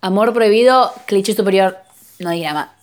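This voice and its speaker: A young woman with a Rioplatense Spanish accent, chatting casually about books in an animated, teasing way. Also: mid-range voice, a little fast, a crowd in the background. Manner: animated, teasing, laughs often.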